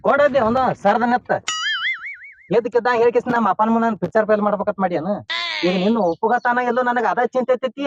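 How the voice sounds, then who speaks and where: A man's voice: extremely high pitch, fast talker, music in the background. An actor playing an anxious young man who coaxes and pleads with his bride-to-be, speaking with a North Karnataka Kannada accent in a comic short film. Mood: worried. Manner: pleading, coaxing. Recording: muffled sound with loud background noise.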